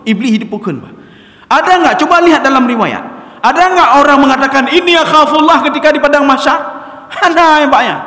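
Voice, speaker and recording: A man's voice: extremely high pitch, fast. A man preaching a sermon, animatedly addressing the congregation as sir and miss. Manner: addresses the congregation as Pak and Mbak, loud and animated. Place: mosque gathering. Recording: echoey reverberant hall.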